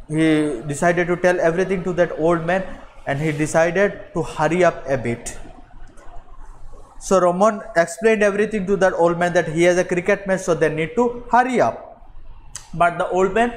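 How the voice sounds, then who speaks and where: A man's voice: sits high, normal speed, slight background noise. A man teaching a class, reading a story aloud and explaining it, with many fillers and questions to the pupils.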